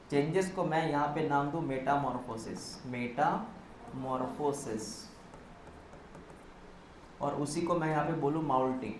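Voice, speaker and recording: A man's voice: a little high, reverberant, slight background noise, low-quality recording. A male biology teacher lecturing a class in Hindi mixed with English terms, quizzing students step by step, spelling words out and answering his own questions.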